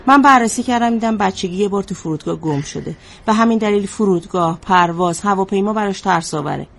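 A calm female therapist, played by an actress, who presses her client with steady questions. Her voice sits at an ordinary pitch. It is a drama scene. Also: gravelly, a little hiss or hum, close to an everyday voice. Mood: probing. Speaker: psychologist. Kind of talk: drama dialogue.

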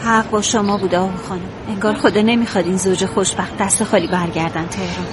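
A woman's voice: medium pitch, steady tone, a loud crowd, natural voice. An actress with an Iranian accent playing a compassionate, persuasive woman in a TV drama. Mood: hopeful. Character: compassionate, persuasive woman, family friend of a couple. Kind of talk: Persian television drama acting. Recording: noisy drama soundtrack.

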